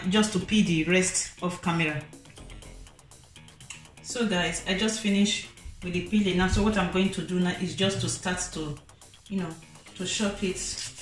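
A woman talking through a home cooking demonstration for her channel, chatty and casual, peppering her talk with "so guys" and "you know". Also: fairly low pitch. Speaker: cooking vlogger. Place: home kitchen. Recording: echoey room with faint background music.

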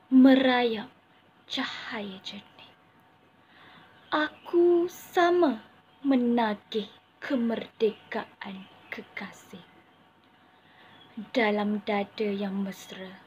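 A young woman with a Malaysian accent recites a poem in a theatrical, stagey manner, with big swells and drawn-out phrases. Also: a little high, a little mellow. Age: young adult. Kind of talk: theatrical poetry declamation. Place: small room indoors. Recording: dull lo-fi phone audio, clear background noise.

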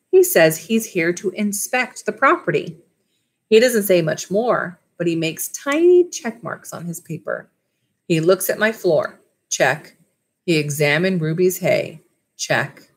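A woman in her thirties, a school library teacher, has a lowish, slightly rough voice with lively intonation and a measured pace. She reads a storybook aloud and talks informally to children, using a webcam or laptop mic at arm's length in a small wood-panelled room at home.

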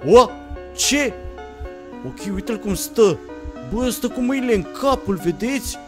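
Over game music, a young gaming YouTuber with a high voice addresses viewers directly, his excited commentary lurching from quiet murmurs to abrupt yelps.

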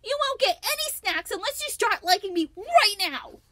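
An eager, lonely young storybook girl, as a woman reading aloud puts her on, speaking in a high, bubbly, pleading voice. Her pitch leaps and swoops with every line. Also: sing-song, unhurried, a bit bright, heavily acted. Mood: demanding. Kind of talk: reading a picture book aloud.

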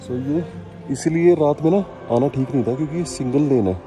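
Over music, a male travel vlogger on a mountain trip talks to his viewers casually and with enthusiasm, his voice a little fast and on the high side. He mixes English words into his speech, and the outdoor recording carries vehicle noise.

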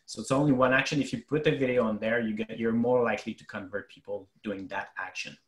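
A man's voice: mid-range voice, fairly even intonation, fast, reverberant. French Canadian man explaining web tech. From Quebec, Canada. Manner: explanatory, many fillers. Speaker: web developer presenter. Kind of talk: webinar presentation.

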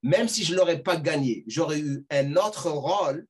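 A middle-aged man telling a personal story as a podcast guest, animated and full of restarts and repeated words. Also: fairly high pitch, unhurried, a crowd in the background. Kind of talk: casual storytelling.

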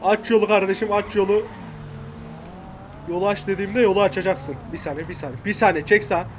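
A man commentating his own game with loud, playful gangster bravado. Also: high voice, fairly even intonation, fast talker, very noisy. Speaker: gameplay commentator. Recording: music bed under voice.

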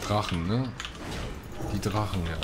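A man with a lowish, slightly slow voice gives chatty, colloquial let's play commentary, frequently breaking into exclamations and reading quests aloud. He's in a room at home, and the clear recording picks up background noise and typing.

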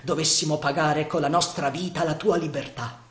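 A man's voice: on the high side, fairly even intonation, normal speed, close to an everyday voice. A man voicing a bold, passionate pirate chief in an audiobook reading, ardent and declamatory. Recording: roomy echo.

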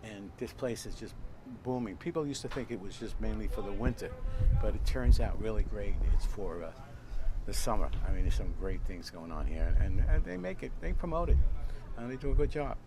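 Older man, gravelly voice, rambling storyteller, noisy outdoor recording with traffic. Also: on the low side, animated, a little fast. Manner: chatty, laughs often, repeats words. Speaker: cooking show host. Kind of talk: rambling storytelling while cooking. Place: outdoors at a grill. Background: outdoor ambience, passing traffic.

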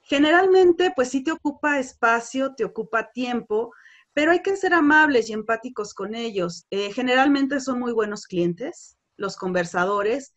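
A woman leads a course on customer service. Her voice sits a little high, and she explains at an easy, instructive pace, leaning on fillers like "este" and "pues". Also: expressive, normal speed. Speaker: sales trainer.

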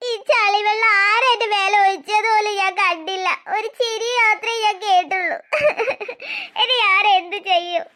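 A vain elder sister from a cartoon story, played by a woman, self-admiring and quick to whine. Her voice is very high and bright. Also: fairly even intonation. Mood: whiny. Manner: dreamy, self-admiring, then whiny.

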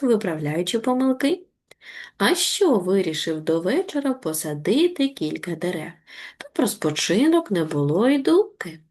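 A woman teacher giving an online reading lesson to young children, encouraging and deliberate, slowing down to spell out words. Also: mid-range voice, a little mellow. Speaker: primary school teacher.

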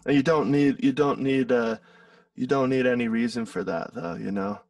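Gravelly earnest male guest, off mic. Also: medium pitch, steady tone, moderate pace, a little mellow, distant mic. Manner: earnest, reflective, swears casually. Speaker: podcast guest. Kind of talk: casual chat.

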